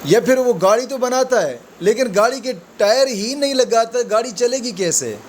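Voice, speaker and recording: A man giving a conversational religious talk to viewers, calling them friends and explaining with everyday examples. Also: a little hiss or hum. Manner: slow, low Arabic recitation at the opening. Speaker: spiritual advice presenter.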